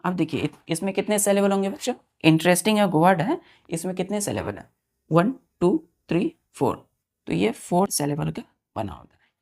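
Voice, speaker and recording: A man's voice: high-pitched, lively intonation, brisk, creaky, darkish tone. A man teaching English pronunciation as a classroom lesson, repeating words and checking often that the students follow. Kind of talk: classroom lesson in spoken Hindi.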